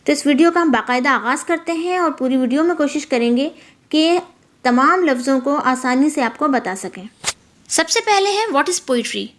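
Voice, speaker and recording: High-voiced woman teaching a lesson. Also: expressive, a bit bright. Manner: explains in Urdu-Hindi, reads English passages slowly and carefully. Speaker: English literature teacher. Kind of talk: lecture.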